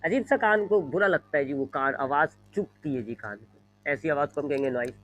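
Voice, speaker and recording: A man's voice: fairly high pitch, a little fast, fairly bright tone, dull audio. Man lecturing physics with speech. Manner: explains with repeated examples, frequent "जी", mixes English terms; draws on a board while talking. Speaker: physics teacher. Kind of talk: classroom lecture. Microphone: microphone.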